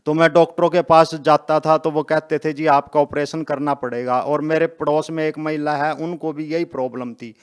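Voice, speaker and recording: Earnest man in his fifties, smooth voice. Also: a little high, fairly even intonation, moderate pace, hardly any pauses. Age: 50s. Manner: earnest, plain-spoken, polite. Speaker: interviewed devotee. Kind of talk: testimony interview.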